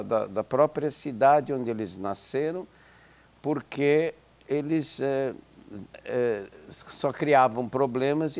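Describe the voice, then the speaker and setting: An Israeli man in his 70s, a Hebrew-speaking psychology professor, reflects as an interview guest in a mid-range, darkish voice. He sounds hesitant and thoughtful, restarting often and filling pauses.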